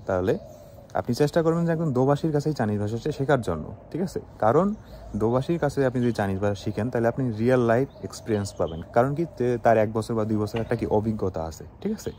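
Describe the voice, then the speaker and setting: A man's voice: medium pitch, lively intonation, quick pace, warm tone, a little hiss or hum. A young man from Bangladesh giving a casual spoken lesson on learning Chinese, often checking in with his listeners. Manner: conversational, with frequent "ঠিক আছে?" checks. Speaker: Chinese language teacher.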